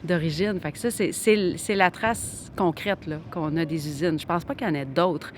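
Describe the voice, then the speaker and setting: A woman in her forties with a Québécois accent, chatting casually as a guest musician, soft-spoken and full of fillers. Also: on the low side, normal speed. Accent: Québécois French. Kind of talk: casual chat outdoors. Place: outdoors on a city street. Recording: outdoor street recording with traffic noise.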